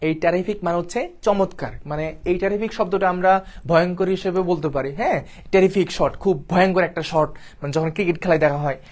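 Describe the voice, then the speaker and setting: A man's voice: high-pitched, steady tone, fast, darkish tone. A man with a Bangladeshi Bengali accent teaching an online exam-prep English lesson, repeating points and checking in with students often. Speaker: admission test English teacher.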